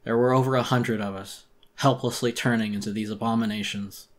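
A man's voice: mid-range voice, steady tone, a little fast, close to an everyday voice. A man voicing a wounded, resigned raccoon. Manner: tired, resigned, muffled without a tongue. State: in pain, breathing heavily. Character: weary, wounded old raccoon jailer.

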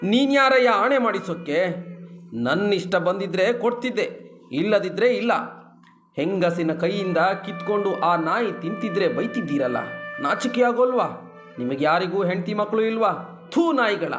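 A man voicing a shrill, defiant woman. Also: slow pace, pauses often, echoey room. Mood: furious. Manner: shrill pleading, then screaming defiance. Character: frightened woman turned furious, fending off a mob. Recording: dull lo-fi, faint music.

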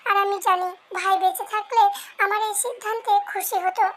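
A man's voice: very high voice, fairly even intonation, a little fast, a bit bright. A woman voicing an earnest young man.

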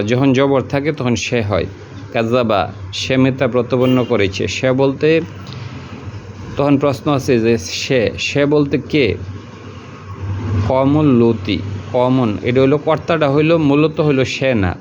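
A man at a middle pitch teaches a word-by-word translation lesson, going over each word and its meaning again and again. His delivery is patient and colloquial. The recording sounds a little muffled and lo-fi, with a faint hiss behind him. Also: darkish tone.

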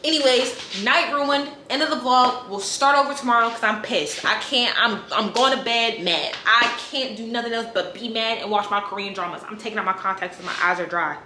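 A woman's voice: fairly high pitch, brisk, few pauses, sharp tone. A woman in her twenties talking to the camera in a casual vlog, blunt and ranting, swearing freely. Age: 20s. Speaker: vlogger. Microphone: compact vlog camera mic. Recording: echoey room, faint background noise.

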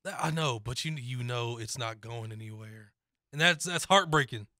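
Young male co-host, bright and opinionated, dry studio mic. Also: mid-range voice, no room sound. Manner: opinionated, quick laughs and restarts. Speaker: sports show co-host. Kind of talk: casual sports talk. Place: small studio with foam panels. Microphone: studio mic on boom, headphones.

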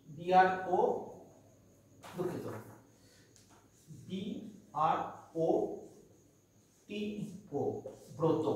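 A man's voice: high voice, slight background noise. A man teaching a patient, step-by-step phonetics lesson, checking in with his students as he goes. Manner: patient, step by step, asks "তাই তো?". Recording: echoey room, mic at a distance.

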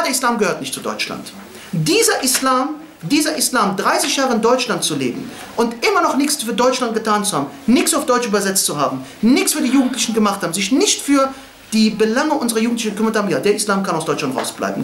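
A man's voice: high voice, sing-song, fast, fairly bright tone, roomy sound. A man giving a blunt, impassioned religious lecture, firing rhetorical questions and telling stories.

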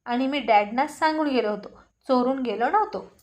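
Lady reading a young husband, defensive and snappy, kinda high voice. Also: normal speed, natural voice. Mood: angry. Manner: sharp, defensive retorts mixing English phrases. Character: irritated young husband, quick to argue.

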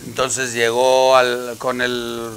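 A man's voice: mid-range voice, completely flat delivery, takes it slowly, fairly bright tone, slight background noise. A man with a Mexican accent telling crude jokes as a comedian, rambling and profane with many restarts.

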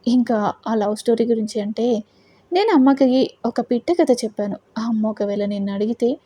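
A woman's voice: a little high, moderate pace, warm tone, lightly acted. A woman voicing a cold, domineering young husband in a storybook audio drama. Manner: cold, commanding.

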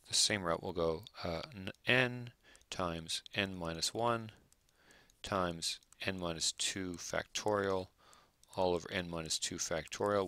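A male math teacher working through examples aloud, thinking out loud and checking in with rhetorical questions. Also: fairly low pitch, creaky, no room sound. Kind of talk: recorded lecture over worked examples.

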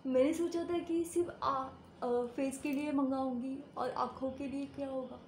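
A woman with a fairly high voice talks through a face mask, so her words come out muffled. She chats casually and speaks straight to her viewers. The room echoes and there is steady noise behind her. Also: a little slow. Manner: chatty, addresses viewers directly. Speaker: vlogger. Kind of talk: casual product haul vlog.

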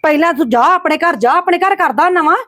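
A woman acting an angry mother in a scripted family drama, scolding with a sharp tongue. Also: extremely high pitch, quick pace, no echo, clean studio sound. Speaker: lead actress, angry mother.

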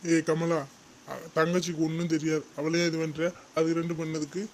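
A man's voice: a little high, level tone, normal speed, a little mellow, a little hiss or hum, lightly acted. A man voicing a placating cartoon family father. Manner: soothing, dismissive reassurance. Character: calm, placating middle-aged family father. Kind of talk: cartoon family drama voice acting.

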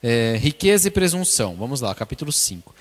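A man, a priest, reads scripture aloud and explains it in a relaxed, conversational way, often ending phrases with a questioning "né?". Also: mid-range voice, fairly quick, in a large hall. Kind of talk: scripture commentary.

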